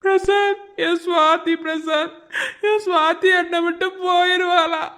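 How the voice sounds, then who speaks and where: A high-voiced performer playing a sobbing young husband. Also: male voice, level tone, takes it slowly, bright, forceful tone, soft background music, exaggerated voice. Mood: sobbing plea. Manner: sobbing, pleading. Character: grieving young husband begging for his dying wife. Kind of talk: cartoon voice acting.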